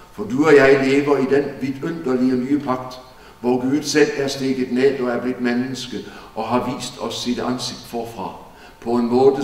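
A man's voice: mid-range voice, darkish tone. A man preaching an earnest, emphatic Bible-teaching sermon in a church hall. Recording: echoey church hall from far off.

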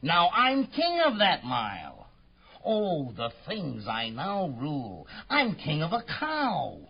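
A man's voice: a little high, wildly swooping pitch, slow, gravelly, husky, highs cut off, heavily acted. A man playing a pompous, boastful turtle king in a children's story, grandiose, bellowing and imperious. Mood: smug, self-delighted. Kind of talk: theatrical children's story acting.

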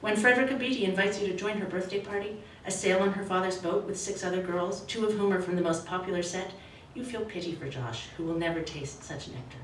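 In an echoey indoor event room with a red curtain, a woman novelist reads aloud in a measured, expressive way, then answers casual questions haltingly, correcting herself. She has a mid-range voice and grew up in Australia, Canada and the States; the podium mic is recorded from a far camera, so she sounds distant with faint hiss.

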